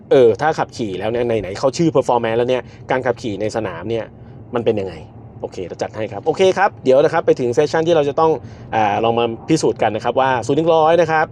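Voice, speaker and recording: A man reviewing a car from behind the wheel, counting down launches and shouting in excitement at the speed. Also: medium pitch, slight background noise. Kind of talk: car review while driving. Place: inside a car on the road.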